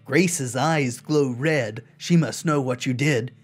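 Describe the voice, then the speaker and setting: A woman's voice: rumbling low, slow pace, breathy edge, soft background music. A woman playing a video game, reading its text aloud and adding casual commentary of her own. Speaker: video game player and narrator.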